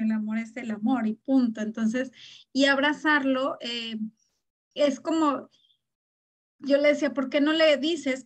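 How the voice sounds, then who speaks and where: A woman hosting an interview, talking earnestly and reflectively as she shares personal stories. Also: sits high. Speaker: podcast host. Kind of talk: conversational interview.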